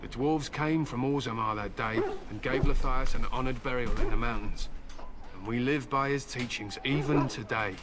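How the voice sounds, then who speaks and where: Speaking at a moderate pace with a medium pitch and a lightly acted delivery, a man portrays a game character. That character is a stern human warrior and grim hunter with war hounds, solemn and curt, proud of battle and his hounds, heard over loud game music.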